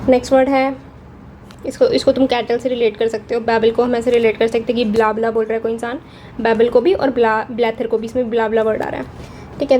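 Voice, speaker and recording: Chatty woman teaching vocabulary, slightly high. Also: a little mellow, a little hiss or hum. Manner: chatty, checks in with frequent "theek hai". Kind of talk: casual Hinglish lesson.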